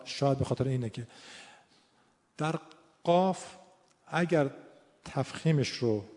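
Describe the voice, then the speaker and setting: This lesson on Quran recitation comes from a man with a darkish, mid-range voice. He explains how letters are pronounced, then models them by repeating and lengthening syllables, and the hall adds a long reverb.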